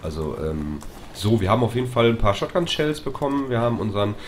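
Let's play host, male, jumpy and loud, swears and stammers, noisy background. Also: lowish voice, quick pace. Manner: excitable, shouting, swearing, stammers when tense.

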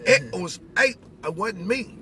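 The voice sits high, pushed and bright, animated yet a little slow: a middle-aged man telling personal stories and preaching somewhat from inside a pickup cab. He is colloquial and emphatic, repeating phrases, and the vehicle is noisy.

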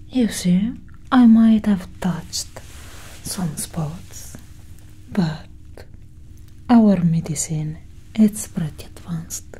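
In a soft, whispered ASMR roleplay, a woman plays a curious female alien doctor who is coolly possessive. Her low voice is breathy and close to the mic, heavily acted, and delivered in a slow, deliberate hush.

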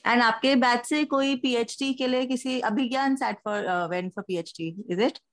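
A woman's voice: a little high, very fast. A woman, casually interviewing students over a video call. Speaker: interviewer from a coaching school. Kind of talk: casual interview mixing short questions and reactions. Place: small room at home, indoors. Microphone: video call, device at arm's length.

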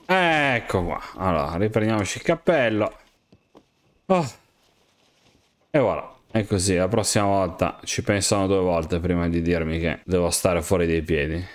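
Excitable man talking to game characters. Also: low-pitched, moderate pace. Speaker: gamer. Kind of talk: game commentary, role-playing as himself.

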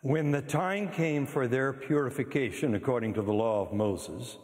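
A man serving as priest, reading the Gospel and preaching at Mass in a measured, solemn way, with a long church reverb. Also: mid-range voice, darkish tone. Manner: measured, solemn liturgical delivery.

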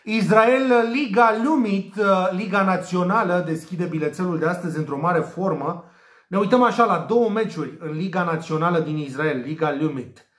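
A man from Romania with a somewhat high voice reads out his daily betting picks. He talks in a lively, playful way and stumbles over foreign team names. The room around him rings with echo. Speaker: betting tipster. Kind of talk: daily betting tips monologue.

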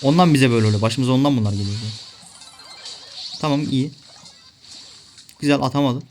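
A man's voice: medium pitch, a little fast, a little mellow, faint music behind. A young man giving live gameplay commentary, ranting and swearing at his teammates in frustration. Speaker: gaming video creator.

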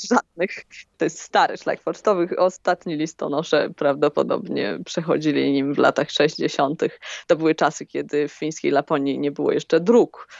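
A woman with a gravelly, creaky voice speaks calmly and thoughtfully as an interview guest. Her answers are unhurried and explanatory. The sound is dry and somewhat dull, like a lo-fi recording. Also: low-pitched, no room sound. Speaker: long-distance hiker, guest.

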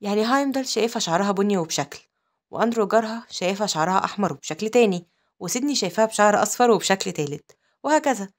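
A woman with an Egyptian accent narrating a comic-story recap, with quick asides. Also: medium pitch, lively intonation. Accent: Egyptian Arabic. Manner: rapid, breathless storytelling with asides.

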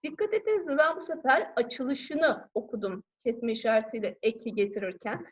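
A woman's voice: fairly high pitch, moderate pace. A woman teacher giving a grammar lesson to schoolchildren, explaining patiently, asking questions and answering them herself, and calling out to her pupils again and again. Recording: dull lo-fi recording.

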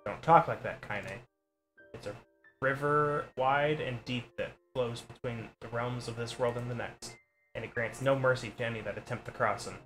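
Casting: man doing a vulgar old grandma, rough rustic talk, faint music behind. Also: medium pitch, moderate pace, fairly bright tone, close to an everyday voice. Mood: stern.

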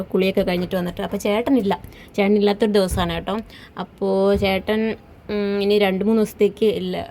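A woman's voice: medium pitch, darkish tone. A woman, chatting casually in a home family vlog as a mother, tagging her sentences with a friendly "kettō". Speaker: vlogger, mother.

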